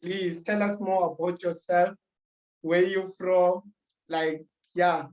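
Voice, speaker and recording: A man's voice: sits high, level tone, slow, darkish tone, rough recording. A man hosting a casual podcast interview, enthusiastic and chiming in with short affirmations. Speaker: podcast host.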